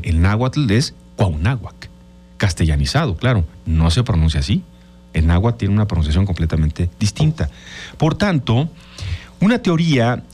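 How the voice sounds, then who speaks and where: A man's voice: mid-range voice, a little mellow. A Mexican man hosting a radio show, giving an explanatory reflection and turning to his listeners with frequent tag questions. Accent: Mexican Spanish. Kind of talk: reflective talk.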